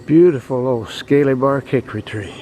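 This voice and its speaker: A man narrating a fishing trip outdoors by a rural creek in a plain, matter-of-fact, unhurried way, speaking into a handheld camera. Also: medium pitch, dark tone, slight background noise. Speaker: fishing vlogger. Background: insects and countryside ambience.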